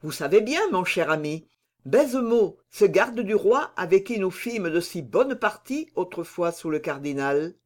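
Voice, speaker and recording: Brief: male reader doing a jovial bold musketeer captain, pitched up, animated delivery. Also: unhurried. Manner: hearty, teasing, exclaiming. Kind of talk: audiobook reading.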